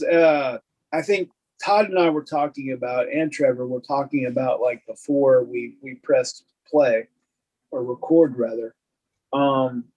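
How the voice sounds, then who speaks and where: A man's voice: on the high side, a little mellow, breathy edge, low-quality recording. A middle-aged man co-hosting a podcast, chatting casually in a rambling, self-deprecating way with lots of fillers. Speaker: podcast co-host. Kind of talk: casual chat.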